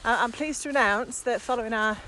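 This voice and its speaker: A woman co-hosts a casual podcast while walking through a village, explaining ideas in conversation. Her voice is high, bright, and forceful, moving a little fast, and the outdoor recording is noisy with ambient sound.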